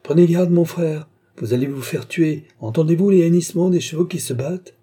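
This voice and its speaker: A man reading an audiobook, voicing a gentle, worried young noblewoman who pleads softly. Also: medium pitch, brisk, husky, lightly acted. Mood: pleading.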